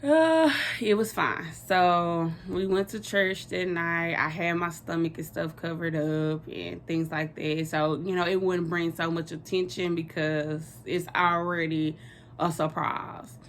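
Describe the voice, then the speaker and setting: A woman's voice: on the low side, fairly even intonation, measured pace, a little hiss or hum. A young woman, telling a personal story in a rambling, casual way with lots of fillers.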